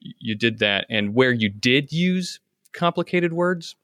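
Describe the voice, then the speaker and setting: A man's voice: medium pitch, lively intonation, unhurried, sharp tone, no room sound, clean studio sound. Enthusiastic man giving praise. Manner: enthusiastic, laughs while talking. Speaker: podcast contest judge. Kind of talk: casual critique.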